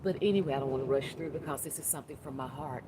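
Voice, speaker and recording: A woman's voice: a bass voice, racing. A woman in her fifties gives a casual, rambling inspirational talk as a life coach, with asides and restarts, speaking outdoors in the wind. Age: 50s. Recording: noisy outdoor recording with wind.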